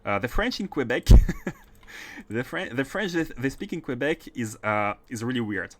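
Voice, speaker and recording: On a gaming livestream, a Russian-accented man chats casually as he plays, regularly repeating and restarting what he says. He speaks a little slowly at medium pitch, with big pitch swings.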